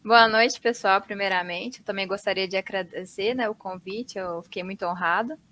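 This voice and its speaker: A woman's voice: medium pitch, normal speed, a bit bright, slight background noise. A young woman from Contagem, Minas Gerais, introducing herself politely as an interview guest. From Contagem, Minas Gerais, Brazil. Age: young adult. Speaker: guest engineer. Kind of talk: casual interview talk.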